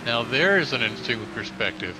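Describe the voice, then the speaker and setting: A man acting as race director for an online racing league, talking over group voice chat and briefing the drivers with relaxed "uh" pauses. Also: mid-range voice, noisy background. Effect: heard over group voice chat. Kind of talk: casual voice chat, then giving a race briefing.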